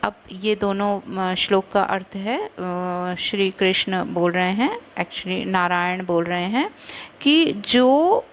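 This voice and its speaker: A woman teaching scripture recitation. She chants each verse slowly and carefully, then breaks it down syllable by syllable and explains it quickly. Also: mid-range voice, a little hiss or hum. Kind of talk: slow recitation with pronunciation teaching.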